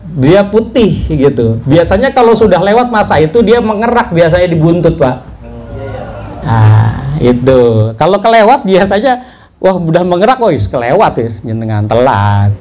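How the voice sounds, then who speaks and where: A man's voice: on the high side, a little mellow. A man giving a patient, step-by-step lecture to farmers on livestock breeding, often turning to his listeners directly. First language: not Javanese. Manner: patient, addresses listeners as "Pak", spells out points step by step.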